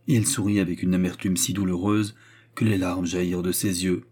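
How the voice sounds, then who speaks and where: A man reads a novel aloud as an audiobook in a measured, steady voice. The tone is low, dark and husky. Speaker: narrator.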